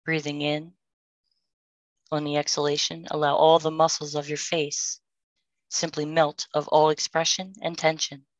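Woman, meditation guide, soothing, slow, monotone delivery. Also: low-pitched, no echo, poor audio. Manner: slow, soothing, calm instructions with pauses.

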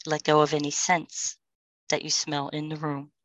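Woman guiding a prayer meditation, low steady voice, dry close sound. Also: no room sound, low-quality recording. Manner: slow, soothing, calm instructions with pauses. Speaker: meditation guide.

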